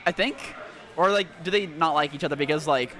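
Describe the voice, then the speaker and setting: A man's voice: fairly high pitch, brisk, bright, forceful tone. A man co-casting an esports event at a studio desk, teasing his partner and laughing often. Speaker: esports co-caster. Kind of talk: casual esports desk banter.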